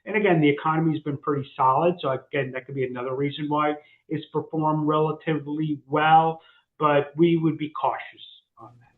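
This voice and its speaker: A man co-hosting a casual market discussion, halting with frequent fillers and restarts. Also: on the high side, steady tone. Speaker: co-host, financial advisor. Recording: echoey, phone-like sound.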